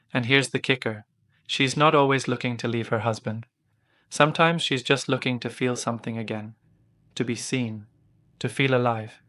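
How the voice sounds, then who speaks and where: A man narrates a script in a conversational, punchy way, leaning on dramatic pauses. His pitch stays flat and even, with little rise and fall. The sound is dry and close, with no room around it. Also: no room sound.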